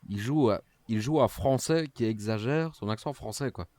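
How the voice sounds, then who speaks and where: A man's voice: mid-range voice, normal speed, mellow, no room sound. A man from Belgium with a Liège accent, speaking as a podcast guest in an emphatic way that often ends phrases with a tag word. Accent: Liège Belgian French. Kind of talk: casual chat.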